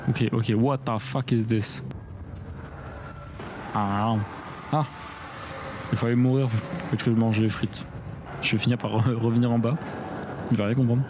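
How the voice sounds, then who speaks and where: A man's voice: medium pitch, fairly even intonation, normal speed, pauses often, background noise. A man from France casually commenting on his game play, joking and doing playful silly asides. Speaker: streamer. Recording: music playing behind.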